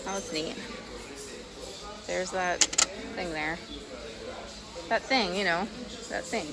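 A woman's voice: fairly low pitch, takes it slowly, a loud crowd. Chatty woman vlogging a thrift haul. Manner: chatty, thinking aloud with fillers and small laughs. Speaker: vintage reseller. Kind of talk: casual thrift-haul vlog. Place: large thrift store, indoors. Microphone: handheld phone.

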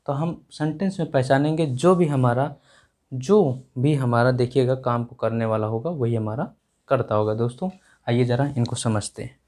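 A young man teaching grammar at a whiteboard in a small classroom, repeating each word slowly as he writes and calling his students dear children. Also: mid-range voice, a little mellow. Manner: slow and repetitive, dictating words while writing. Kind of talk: whiteboard lesson in Hindi.

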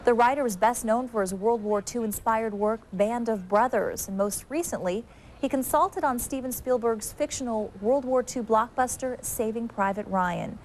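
A woman news anchor reading local news stories in a crisp, scripted delivery. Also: on the high side, normal speed, slight background noise. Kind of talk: local TV newscast. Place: TV news studio.

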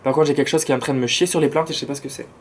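A man's voice: mid-range voice, fairly even intonation, racing. A man with a southern French accent chatting enthusiastically about his plants outdoors, with slangy asides. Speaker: plant vlogger. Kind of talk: casual chat. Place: outdoors near a road with cars and planes.

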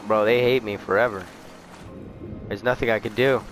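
A young man giving profane let's play commentary, muttering low and then shrieking in panic. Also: fairly even intonation, moderate pace, soft background music. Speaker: gamer.

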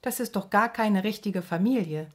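A woman's voice: mid-range voice, normal speed, voice pushed up, lightly acted. A woman reading aloud, voicing a doubtful, stubborn young girl in a storybook. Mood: skeptical. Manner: skeptical, insistent.

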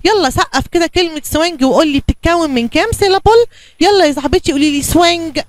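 A kindergarten teacher with an Egyptian Arabic accent leads a bilingual lesson for young children, coaxing them on and answering her own questions. She talks fast in a very high voice, with no echo.

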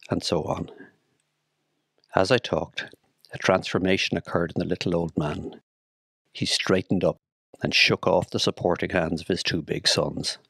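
A man with an Irish accent narrating a memoir in a measured, solemn, deliberate way. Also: low voice, creaky, fairly bright tone, husky, dry recording. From Ireland. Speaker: storyteller recalling his work at the city morgue.

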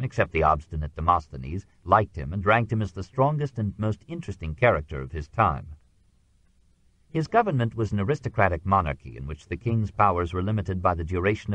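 A man narrating a history audiobook in a measured, even reading. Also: sits low, no room sound, muffled recording.

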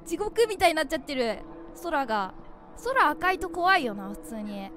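A young woman giving animated, jumpy commentary as she plays a horror game, calling herself by name. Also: high-pitched, moderate pace. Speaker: game streamer.

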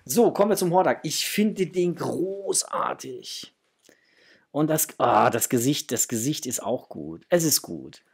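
Speaking a little slowly in a slightly high, animated voice that's creaky with a breathy edge, a man in his forties presents a toy unboxing. He treats his viewers as friends, chatting casually and with enthusiasm from a small indoor room with framed posters.

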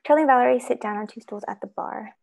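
A woman's voice: fairly high pitch, fast talker, creaky, a little mellow. A woman reading stage directions aloud in a matter-of-fact way during a script read-through.

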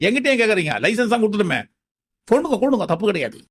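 A man's voice: high-pitched, sing-song, rapid-fire, breathy edge. A man giving mocking commentary over clips, asking sarcastic rhetorical questions. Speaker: troll video narrator.

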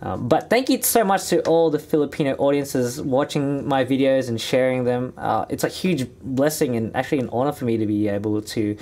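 A man's voice: medium pitch, fairly quick, hardly any pauses, a little mellow. A young man with an Australian accent from Sydney, talking in a chatty, upbeat vlog to camera from a small studio. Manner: chatty, upbeat, gestures a lot with hands. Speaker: musician and vlogger. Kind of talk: casual direct-to-camera vlog. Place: small indoor music studio.

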